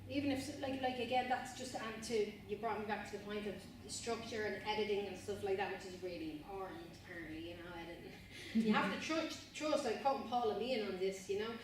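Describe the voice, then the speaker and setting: A woman's voice: medium pitch, fast, hardly any pauses. A young adult woman giving a casual talk as guest speaker, speaking conversationally with many fillers. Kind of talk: casual talk to a student group. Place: university room. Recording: echoey room, distant mic, background noise.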